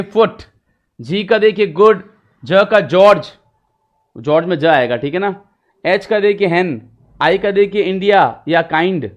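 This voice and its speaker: High-voiced man teaching English grammar. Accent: Hindi. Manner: mixes Hindi and English, casual explaining with frequent checks. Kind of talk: online grammar lesson.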